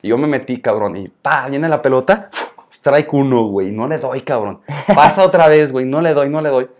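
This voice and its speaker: A man's voice: medium pitch, normal speed, a little mellow. Slangy Mexican man telling stories. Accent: Mexican Spanish. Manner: slangy, fills every phrase with filler slang. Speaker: podcast co-host. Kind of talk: casual storytelling chat.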